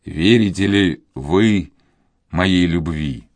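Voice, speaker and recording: A man voicing a tender young nobleman in love, speaking in a hushed, trembling, earnest way. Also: deep voice, drawn-out words, no echo, heavily acted.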